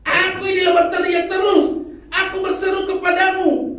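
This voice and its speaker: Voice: very high voice, completely flat delivery, moderate pace, voice pushed up. A preacher voicing a desperate male prophet who cries out to God again and again, in a sermon. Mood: pleading, desperate. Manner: shouting, pleading, repetitive cries. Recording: echoey hall, distant mic.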